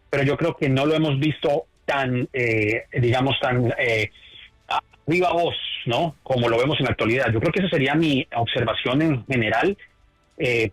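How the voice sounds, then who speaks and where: A man's voice: medium pitch, dry recording, low-quality recording. A man from Colombia, a political analyst, answering interview questions in a thoughtful, hesitant way with many fillers. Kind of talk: radio interview. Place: New York.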